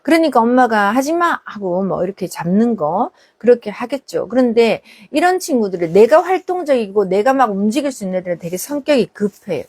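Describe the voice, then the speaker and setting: A woman's voice: medium pitch, lively intonation, fairly quick, few pauses, a little mellow, breathy edge. A woman, a parenting counselor, answering viewers' questions on a live stream and acting out exchanges between parents and children.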